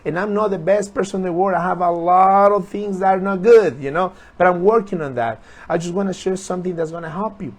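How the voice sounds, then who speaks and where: High-voiced earnest motivational man. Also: brisk, hardly any pauses. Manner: earnest, repetitive, urging viewers. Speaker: motivational speaker. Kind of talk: motivational talk on a live stream.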